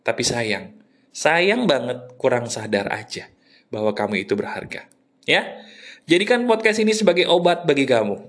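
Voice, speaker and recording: A man hosting a motivational podcast, coaching listeners in an earnest tone that moves from upbeat to soft. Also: mid-range voice. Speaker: podcast host.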